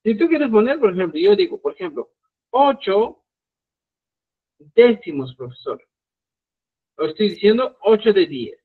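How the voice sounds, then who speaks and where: A man teaches a live online Quechua lesson, walking through each step and stopping to check that his students follow. His voice sits high and swings widely in pitch. The sound is thin and tinny, like a phone line. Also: very animated, a little slow, long pauses. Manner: explains step by step, checks in with "¿ya?" and "estimados amigos".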